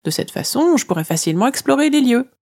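A woman's voice: sits high, very animated, a little mellow, voice pushed up, heavily acted. Woman doing a cheeky, practical talking shadow. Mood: scheming. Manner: teasing, matter-of-fact, quick. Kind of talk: children's audio story.

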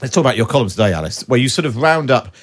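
A man's voice: medium pitch, animated, slightly rough. Chatty male podcast host. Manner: brisk, jokey, laughs often. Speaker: radio presenter.

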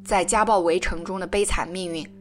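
A woman narrating a documentary podcast, telling a case calmly in a scripted way. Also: fairly low pitch, a little fast, over music.

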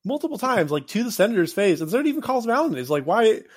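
A man co-hosting a podcast in casual chat, animated and joking, quick to laugh. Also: high-pitched, breathy edge, dry recording, clean studio sound. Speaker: podcast co-host.

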